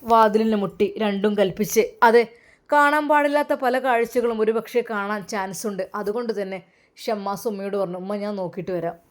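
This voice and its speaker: A woman's voice: a little high, normal speed. A woman with a Malappuram Malayalam accent narrating a story in an emotive way.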